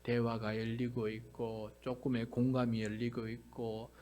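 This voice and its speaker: A male pastor delivering a sermon, earnest and direct with the congregation, dropping to hushed whispers and rising to loud emphatic cries. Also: mid-range voice, flat delivery, unhurried.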